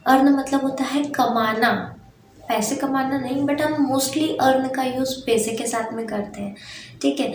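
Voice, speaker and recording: A woman's voice: high-pitched, reverberant, a little hiss or hum. A young woman teaching simple English words in a casual lesson, patiently repeating each meaning and checking in with the viewer. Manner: patient, repeats each meaning, tags lines with "theek hai". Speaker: English teacher on her channel.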